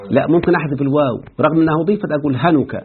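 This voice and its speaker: A man's voice: on the high side, rapid-fire, breathy edge. A man with an Egyptian accent, a sheikh explaining an Arabic grammar text and quizzing his students as he goes. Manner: quizzing students with repeated checks. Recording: tinny phone-like line.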